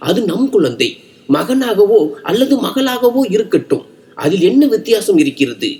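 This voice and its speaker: A gentle, timid young wife pleads in a soft voice, voiced by a man reading the story. Her lines come in a storybook narration with a lively, varied pitch. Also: normal speed. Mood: gentle pleading.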